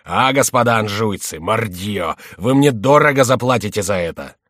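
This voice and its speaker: A man's voice: fairly low pitch, expressive, moderate pace, fairly bright tone, no echo, studio quality. A man voicing a distraught, hot-tempered male king in an audiobook, wailing and ranting. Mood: furious.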